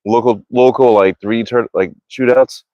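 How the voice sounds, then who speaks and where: On his livestream from a backyard archery range, an American hobby archer rambles informally in slang. His mid-range voice is steady, a little slow, and dark-toned, captured in a dry recording with the highs cut off.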